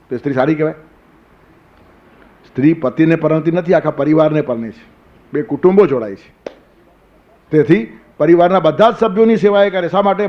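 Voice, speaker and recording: Older man preaching on a dull recording. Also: on the high side. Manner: storytelling with rhetorical questions and quoted verses. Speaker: spiritual teacher. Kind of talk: Gita discourse sermon.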